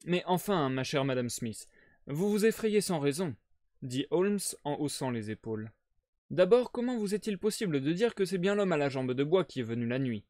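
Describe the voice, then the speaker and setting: A man playing a sharp, self-assured male detective, in a brisk, reasoning manner. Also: fairly high pitch, big pitch swings, no echo, clean studio sound. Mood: coaxing.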